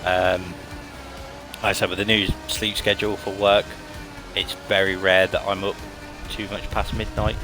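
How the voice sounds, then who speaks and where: A man's voice: sits low, flat delivery, normal speed, poor audio. A tired, yawning man, chatting casually as he streams a racing game, rambling with many fillers and restarts. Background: game music and car engine sounds.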